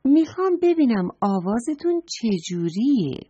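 A woman's voice: on the high side, very animated, warm tone, slightly rough, no room sound, pitched above the performer's own voice. A woman voicing a curious young boy who politely asks around about a birdsong, on a dull lo-fi recording. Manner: eager, polite questioning.

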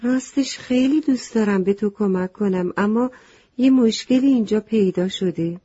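A woman voicing a gentle, hesitant little sparrow. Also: medium pitch, breathy edge, voice pushed up, natural voice. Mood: worried. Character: little sparrow, young and polite, hopes to build a nest. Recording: slightly muffled lo-fi recording.

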